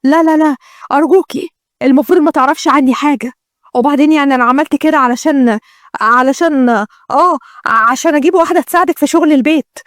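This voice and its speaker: A woman's voice: on the high side, racing, darkish tone, no room sound, studio quality, lightly acted. A woman with an Egyptian accent voicing a wealthy husband who apologizes and begs his wife. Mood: begging. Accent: Egyptian Arabic. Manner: apologetic, pleading. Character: rich weak-willed husband, man.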